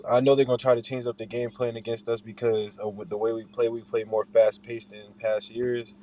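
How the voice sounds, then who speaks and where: A man's voice: medium pitch, little pitch movement, brisk, mellow, slight background noise. A young man speaking as an interviewed basketball player, in an informal way, often repeating and rephrasing his points. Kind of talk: casual interview chat.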